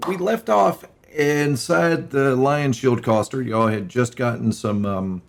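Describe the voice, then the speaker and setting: This is a man hosting a tabletop game as its game master. He talks in a loose, casual way, full of fillers and quick laughs. His voice sits at an ordinary middle pitch. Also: gravelly.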